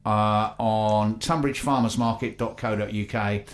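A man's voice: lowish voice, fairly even intonation, a little slow. A man with an English accent hosting a radio show, reading out announcements in a chatty, hesitant way. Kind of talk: live local radio presenting, reading announcements.

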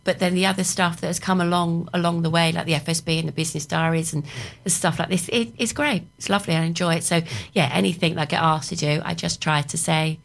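Middle-aged female guest, lowish hoarse voice, creaky starts, informal radio chat. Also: fairly even intonation, quick pace, few pauses. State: hoarse morning-after voice. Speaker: guest, property business owner. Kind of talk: casual radio interview chat.

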